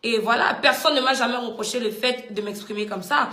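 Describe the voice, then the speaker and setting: Woman, Cameroonian accent, indignant vlog rant, bright high voice, echoey room. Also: fairly quick. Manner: indignant, combative, repeats herself. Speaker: vlogger. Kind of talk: heated commentary rant.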